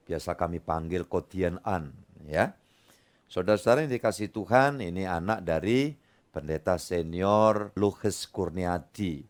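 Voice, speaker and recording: A middle-aged man, preaching a sermon as pastor, swinging between loud high exclamations and quiet low asides.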